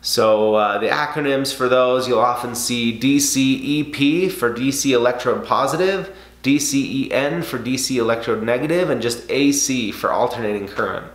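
The roomy echo of a home garage surrounds a welding instructor in his thirties who sits and explains welding conversationally, with many fillers. He speaks at a moderate pace with a medium-pitched voice.

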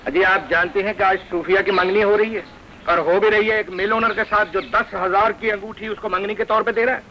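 An actor's natural male voice, sitting high with fairly even intonation, plays a teasing, joking comic student friend in 1980 film dialogue. The old soundtrack carries music, the highs are cut off, and there is slight background noise.

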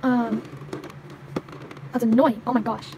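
A woman's voice: on the high side, little pitch movement, slow pace, lo-fi sound. A young woman chatting casually as she shows off the pieces of a toy vet clinic playset, with lots of fillers like "like" and "um". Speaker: toy unboxing vlogger. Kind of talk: casual unboxing show-and-tell. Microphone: handheld phone camera, speaker off screen. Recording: audible background noise.

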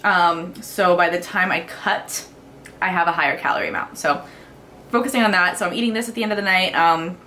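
A woman's voice: lowish voice, brisk, pushed and bright, a little hiss or hum. Chatty young woman vlogging at home. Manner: chatty, giggly, rambling. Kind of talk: casual vlog chat.

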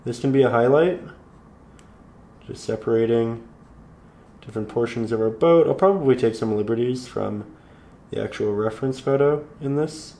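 Speaking at a medium pitch with a touch of hoarseness, a male painting instructor leads a calm, step-by-step tutorial, patient and encouraging throughout.

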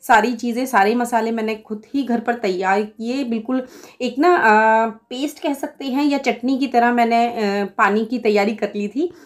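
A woman's voice: on the high side, steady tone, moderate pace. Indian woman chatting through a home recipe. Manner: chatty step-by-step explaining with fillers. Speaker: cooking vlogger. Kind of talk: casual recipe voice-over.

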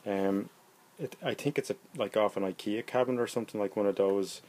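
A hobbyist presenter from Ireland, a man in his forties, gives a casual, unscripted how-to explanation in a hesitant, plain-spoken way, recorded on a phone in a room at home. His voice is fairly low and a little mellow, with fairly even intonation and a slightly fast pace.

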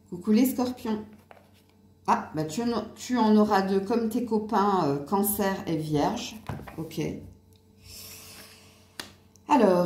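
A woman's voice: mid-range voice, warm tone, roomy sound. A woman doing a casual angel card reading, chatty with many fillers and small laughs. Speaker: card reader.

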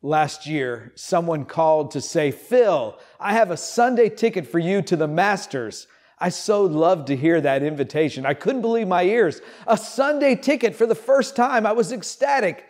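Brief: man, fifties, preacher, somewhat high voice, animated storytelling sermon, church setting. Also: normal speed. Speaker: pastor. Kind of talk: sermon with scripture reading. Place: empty church sanctuary, indoors.

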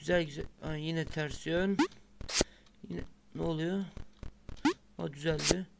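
A gaming channel host with a fairly high, gravelly, steady voice does unhurried let's-play commentary into a close-up mic, over loud game music and heavy background noise. He mutters as he plays and breaks into cursing when the game frustrates him.

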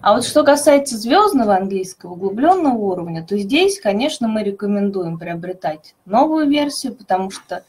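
A woman methodologist presenting a teaching webinar, explaining clearly and stressing key words. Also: mid-range voice, sing-song, moderate pace, hardly any pauses, a little mellow, slight background noise.

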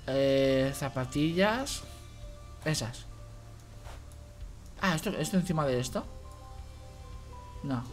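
A man's voice: a little high, animated, takes it slowly, long pauses, soft background music. A man with a Spanish accent from Spain giving playful gameplay commentary as a youtuber. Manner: playful, translating the game aloud. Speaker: gaming youtuber.

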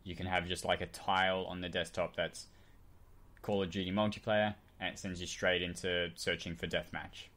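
Low-voiced man rambling through casual chat. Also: level tone, normal speed, fairly bright tone. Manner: rambling, with many restarts and fillers. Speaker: podcast co-host.

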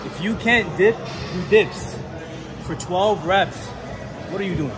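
A man's voice: sits high, measured pace, over music. A young man coaching exercise casually, in short, punchy instructions. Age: young adult. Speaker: workout coach. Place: large indoor gym.

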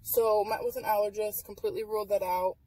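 Young woman vlogger, husky, candid and matter-of-fact, tired, slightly distant car mic. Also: medium pitch, fairly even intonation, fast, dark tone. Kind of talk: casual chat. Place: parked car at night. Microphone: camera on dashboard.

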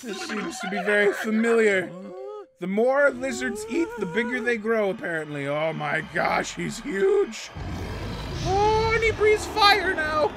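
A performer voicing an excitable cartoon man who rambles and yelps in alarm while reacting to his own cartoon episodes. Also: medium pitch, unhurried. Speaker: reacting host character. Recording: loud music playing underneath.

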